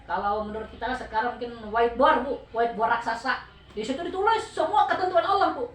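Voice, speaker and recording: A woman's voice: on the high side, quick pace. A woman with a Sundanese accent giving a Quran study talk to a group of women, explaining patiently and often asking her listeners for answers. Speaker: religious teacher. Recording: echoey room, voice heard from a distance.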